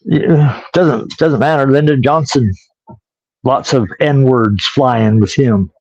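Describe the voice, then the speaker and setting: A man's voice: medium pitch, slow pace, creaky, a little mellow, no room sound, dull audio. Rambling jokey podcast host man. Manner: rambling, jokey, does impressions. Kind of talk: casual live-stream chat.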